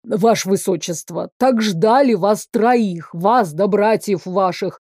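A woman voicing a timid, hungover male palace guard who whines and wails in slow, pleading tones. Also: medium pitch, darkish tone, no room sound, clean studio sound. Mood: whining. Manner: whining, wailing, slow drawn-out pleading.

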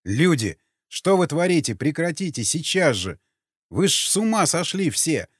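A man voicing a horrified young man who shouts and implores a mob to stop. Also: fairly high pitch, sing-song, moderate pace, husky, no echo, clean studio sound, voice pushed up. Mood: horrified pleading.

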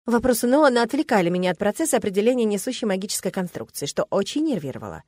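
Woman, first-person audiobook narration, even measured storytelling, dry close sound, mid pitch. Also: no room sound.

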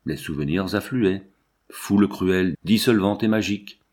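A man narrating a classic novel with an expressive, varied delivery. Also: low-pitched, moderate pace. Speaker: audiobook reader. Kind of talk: literary narration.

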